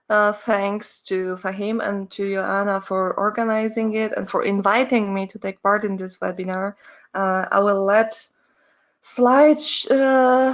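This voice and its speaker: A woman from Poland, giving an online art webinar as a concept artist, explaining in an unhurried way with hesitant pauses. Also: mid-range voice. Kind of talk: webinar presentation. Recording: lo-fi webinar audio.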